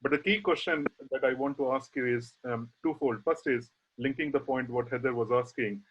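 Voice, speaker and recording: A man's voice: mid-range voice, husky. Guy hosting an online panel, middle voice, lo-fi call sound, lots of uh and um. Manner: halting, filler-heavy questions. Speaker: session chair. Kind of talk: webinar moderation. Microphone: video call. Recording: muffled video call audio.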